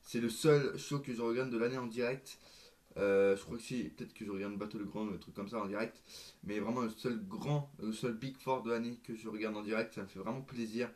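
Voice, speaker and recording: A man with a hoarse, nearly gone voice, chatting eagerly and hesitantly in a casual predictions vlog, with many fillers. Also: on the low side, fairly even intonation, fairly quick, darkish tone. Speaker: wrestling fan vlogger.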